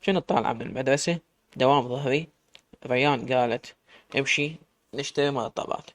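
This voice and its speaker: A man's voice: mid-range voice, a little fast, fairly bright tone, natural voice. A man voicing a pleading teenage girl. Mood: recounting. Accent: Iraqi Arabic. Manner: desperate pleading, sobbing words.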